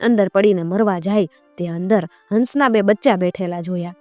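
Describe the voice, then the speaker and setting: A woman's voice: mid-range voice, moderate pace, warm tone, dry recording, soft background music. Woman telling an old folk tale. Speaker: storyteller.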